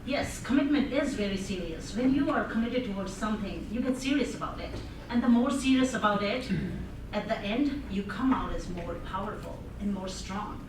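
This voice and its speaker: Animated and at normal speed, a public speaker with an Indian accent and a mid-range voice addresses an audience in a conference room. She laughs frequently and poses questions to the listeners. The sound is noisy and echoey, and she seems distant from the microphone.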